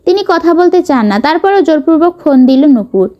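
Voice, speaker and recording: A woman narrating a romance novel in a steady, expressive reading. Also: sits high, brisk, muffled recording. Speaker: storyteller.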